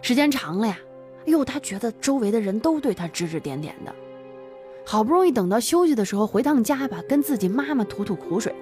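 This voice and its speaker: A woman telling a story in animated chat, dramatic and full of sighing interjections. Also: a little high, fairly quick, soft background music.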